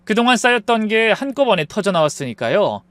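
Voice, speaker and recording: Brief: woman storyteller, quiet first-person narration, varied pitch, dry. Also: sing-song, brisk, dry recording.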